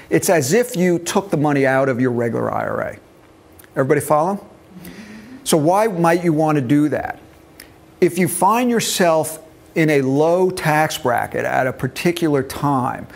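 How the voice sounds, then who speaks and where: A creaky, somewhat high male voice belongs to a financial planning instructor in his early sixties. He's giving a relaxed classroom talk on retirement money in a meeting room with seated listeners, breaking it down step by step and checking they follow, all captured on a lapel mic.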